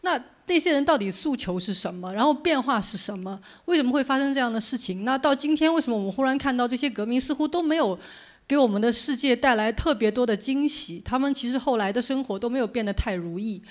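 Woman, moderately high voice, informal lecture, conversational, explanatory. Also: lively intonation, quick pace. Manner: conversational, explanatory, poses questions to listeners. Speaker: journalist giving a book talk.

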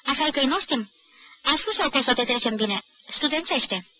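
A woman voicing a burly, boastful male student who talks in a loud, chummy, overfamiliar way, on an old archive recording. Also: very high-pitched, expressive, highs cut off, a little hiss or hum, voice pushed up, exaggerated voice. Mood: brash swagger.

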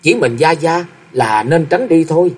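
A man's voice: on the high side, expressive, moderate pace, breathy edge, voice pushed up. A man voicing a loyal, emotional young male sworn son who speaks in an earnest, pleading way.

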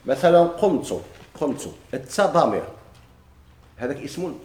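A man's voice: on the high side, very animated, moderate pace, darkish tone, reverberant, a little hiss or hum. A man with a Moroccan Arabic accent teaching a grammar lesson to a class, posing questions and answering them himself.

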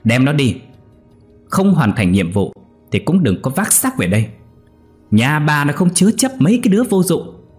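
A man's voice: on the high side, big pitch swings, normal speed, long pauses, a little mellow, soft background music, pitched above the performer's own voice. A man voicing a spiteful senior wife of a wealthy house, sneering and scolding. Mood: scornful.

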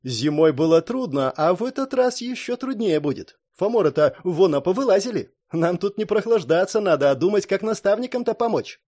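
A plainspoken young country woman, voiced by a male audiobook narrator, speaks in a folksy rustic way. The delivery sits high and swings widely in pitch. It sounds like storybook reading. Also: lively intonation, fairly quick, hardly any pauses, darkish tone. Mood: teasing, earnest. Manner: folksy, drawls "-to" tags.

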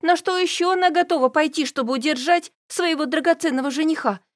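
A woman reader puts on a lively young woman friend with a high, ringing voice that pushes and coaxes. She is emphatic and insistent in an audiobook scene. The sound is dry and close. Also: a little fast, dry recording, close to an everyday voice. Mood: coaxing. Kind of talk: audiobook character voice.

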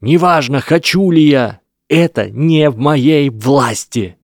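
A man's voice: lowish voice, steady tone, measured pace, gravelly, darkish tone, no room sound, studio quality. A man voicing an earnest young boy wizard in an audiobook, speaking plainly and sometimes strained. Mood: shouting. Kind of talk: audiobook character voice.

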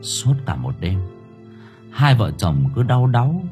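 A man narrating an audiobook story in a dramatic, expressive way. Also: medium pitch, slow pace. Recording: faint music underneath.

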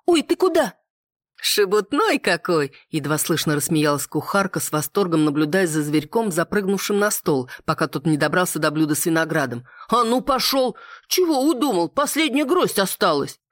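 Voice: medium pitch, a little fast, a bit bright, no room sound, clean studio sound, close to an everyday voice. A reader voicing a fussing, scolding old female cook in an audiobook. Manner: fussing, exclaiming. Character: fussy old cook woman, fond and scolding.

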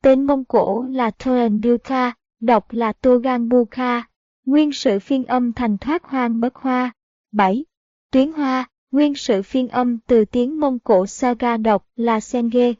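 Reading slowly and steadily, a female audiobook narrator works through a historical novel's story passages as well as its notes and citations. She has a slightly high voice, captured in a dry, dull, lo-fi recording.

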